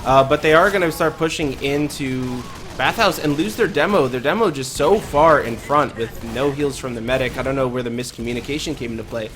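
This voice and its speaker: A man's voice: on the high side, fairly bright tone. Man casting a live esports match. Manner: quick, chatty, many fillers. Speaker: esports caster. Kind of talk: live play-by-play commentary.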